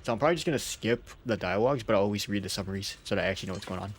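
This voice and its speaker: A man with a lowish voice fires off rapid commentary over game music while live-streaming gameplay, and a faint hiss or hum sits under the audio. He's chatty, laughs a lot, and swears casually, even though he's feeling unwell. Between plays he reads story summaries aloud.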